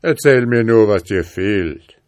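Kindly storybook bear, low voice, slow and gentle, read by a man. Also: lively intonation, no room sound, studio quality. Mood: reassuring. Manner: friendly, reassuring.

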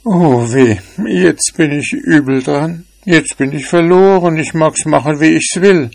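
A little grey storybook kitten speaks in a lifted, gentle voice, as a man acts her out. Her words come slow and soft. The sound is dry and close. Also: mid-range voice, lively intonation, no room sound, voice pushed up. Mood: worried. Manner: raised, soft and coaxing. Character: small gentle grey female kitten, worried.

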